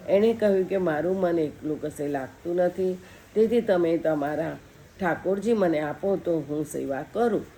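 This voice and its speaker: Low, mellow-voiced woman reading a story. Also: moderate pace, slight background noise. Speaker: devotional storyteller. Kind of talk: reading a devotional story aloud.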